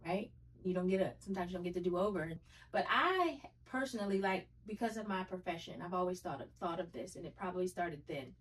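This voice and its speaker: A woman's voice: lowish voice, expressive, brisk, far from the mic, slight background noise, rough recording. A woman guest telling her dating story in casual podcast chat, earnest and reflective.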